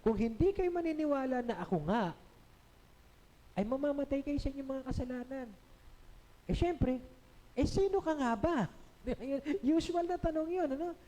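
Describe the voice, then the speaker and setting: A man's voice: extremely high pitch, lively intonation, normal speed, pauses often, mellow. A man with a Filipino accent, preaching a teaching sermon as pastor and often checking in with his listeners. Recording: long hall reverb.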